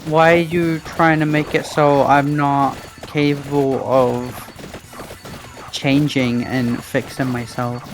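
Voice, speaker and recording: A woman co-hosting a game stream, excitable and rambling, swearing a lot and jumping high in pitch when surprised. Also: slow pace, noisy background. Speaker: stream co-host. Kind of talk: casual live-stream chat.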